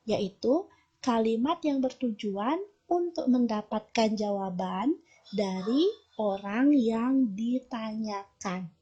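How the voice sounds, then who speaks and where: A woman with a Balinese accent teaching children a language lesson, explaining slowly and patiently. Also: on the high side, darkish tone, breathy edge. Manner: slow, patient explaining to children, shifting between Balinese and Indonesian. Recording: dull lo-fi recording.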